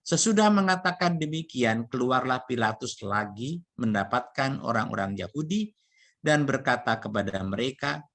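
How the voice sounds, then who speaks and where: Gravelly-voiced male priest preaching. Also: medium pitch, lively intonation, fairly bright tone. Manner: punctuates sentences with a short affirming "ya"; unhurried, explanatory preaching. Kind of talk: sermon reflection on scripture.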